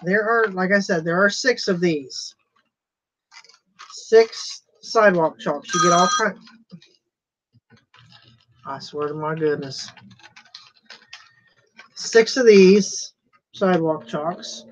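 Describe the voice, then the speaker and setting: A woman with a fairly low voice hosts a casual live-stream auction, chatting away, laughing often and drawing out her words slowly. There's slight background noise, and the livestream audio sounds dull and lo-fi.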